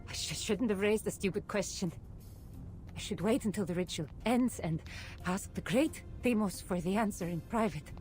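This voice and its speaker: Woman playing a timid stammering cult follower, game voice, soft music behind. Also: mid-range voice, moderate pace, natural voice. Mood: meek.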